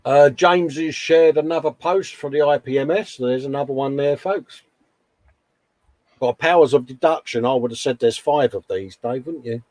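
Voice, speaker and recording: A man's voice: mid-range voice, moderate pace, darkish tone, dry recording. A man co-hosting a casual hobby show, reading out posts in a chummy, colloquial way, often calling people mate. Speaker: co-host of a hobby live show.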